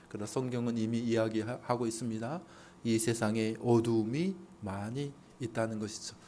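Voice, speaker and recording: A male pastor preaching a Sunday sermon, telling stories and acting out voices of patients and doubters. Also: medium pitch. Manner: animated preaching, acts out patients and doubters in raised voice.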